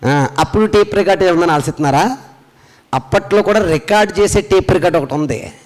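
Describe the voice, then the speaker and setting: A man's voice: high-pitched, fast talker, darkish tone, big-room sound, poor audio. A man preaching a sermon as pastor, asking the congregation questions and answering them himself.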